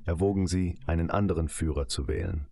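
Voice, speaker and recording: A man giving a measured German voice-over for an interview guest, explaining politics at length. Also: deep voice, warm tone.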